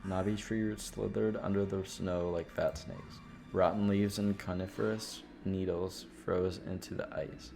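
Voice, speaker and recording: A man streams a visual novel, reading its horror narration aloud with expression and tossing in casual asides. His voice is low and flat with vocal fry, at a measured pace, and loud game music plays beneath it.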